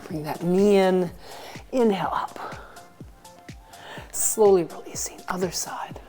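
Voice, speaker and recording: A woman's voice: fairly low pitch, takes it slowly, warm tone. A woman working as a fitness instructor, leading an exercise class with short, encouraging cues and counted repetitions over workout music. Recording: music behind the voice.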